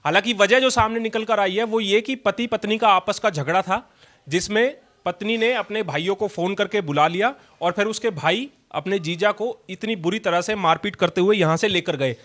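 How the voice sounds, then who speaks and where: A man working as a local news reporter, giving a brisk summary of the incident and asking questions. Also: high voice, fairly bright tone.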